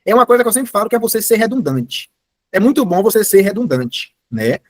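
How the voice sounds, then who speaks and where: A man's voice: sits high, very animated, a little fast, a little mellow, no echo. A man giving a live online class, explaining step by step and often correcting himself mid-sentence. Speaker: course instructor.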